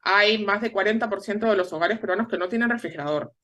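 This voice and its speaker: Measured Peruvian woman analyst. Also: mid-range voice, a bit bright. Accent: Peruvian Spanish. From Peru. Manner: measured, explanatory, tag questions. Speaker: guest analyst. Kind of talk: explanatory interview answers.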